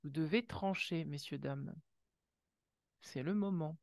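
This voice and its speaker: A woman's voice: low voice, slow pace, vocal fry, no echo. A woman doing an intuitive oracle card reading, talking straight to viewers with frequent gasps of "wow" and little sound effects. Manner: exclamatory, lots of gasped wows and sound effects; speaks directly to viewers in warm second person.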